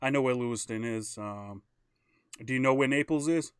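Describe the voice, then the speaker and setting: A man hosts a casual live-stream interview in an upbeat, chatty way. His voice is smooth and clear, and the sound is dry and close with little room echo. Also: mid-range voice, moderate pace. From Maine. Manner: upbeat, chatty, plugs sponsors. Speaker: host.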